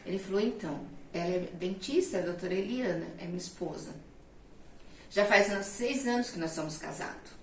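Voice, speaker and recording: A woman's voice: mid-range voice, fairly quick, slight background noise. A middle-aged woman telling a personal testimony in casual conversation, acting out the voices she quotes. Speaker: guest telling her testimony. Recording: roomy sound, mic at a distance.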